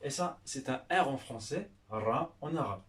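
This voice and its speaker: A male teacher walks through an alphabet lesson at an unhurried, deliberate pace. He says each letter's sound, then repeats it patiently so learners can follow. His voice sits in an ordinary middle range. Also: medium pitch, lively intonation. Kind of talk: slow spoken language lesson.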